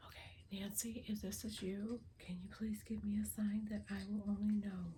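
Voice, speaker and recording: An older woman running a spirit box session for her vlog, speaking in a hushed, often whispered, earnest and emotional way, pleading for signs. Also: medium pitch, level tone, moderate pace, slight background noise, low-quality recording.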